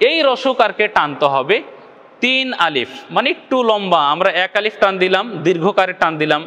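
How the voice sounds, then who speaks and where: Bangladeshi Bengali teacher, male, high voice, patient and repetitive, long reverb. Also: expressive, moderate pace, pushed and bright. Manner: patient, repeats each point, often asks the viewer if they follow. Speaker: Quran recitation teacher. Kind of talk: video lesson.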